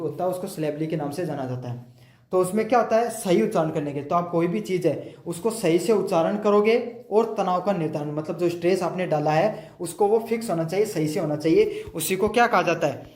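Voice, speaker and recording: A man's voice: high voice, darkish tone, roomy sound. A man tutoring students through exam questions, asking his own questions aloud, answering them and repeating each point in other words. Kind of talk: explaining multiple-choice answers.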